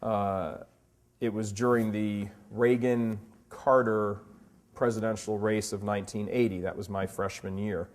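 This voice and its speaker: A man in his fifties giving impassioned commentary, firing rhetorical questions and slowing down to stress his words. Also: fairly low pitch, level tone, darkish tone. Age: 50s.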